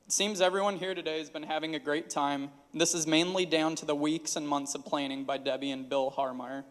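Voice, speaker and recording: A best man in his twenties delivers a wedding toast speech in formal, prepared phrases. His voice sits a little high for a man, and it rings through a reverberant hall. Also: steady tone, a little fast. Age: 20s.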